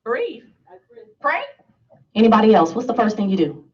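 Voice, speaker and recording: A woman's voice: fairly high pitch, big pitch swings, normal speed, darkish tone, distant mic, muffled recording. Emphatic preachy woman speaking from across a room. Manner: emphatic, preachy, asks the audience questions and laughs often. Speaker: motivational speaker. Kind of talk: motivational talk to a live audience.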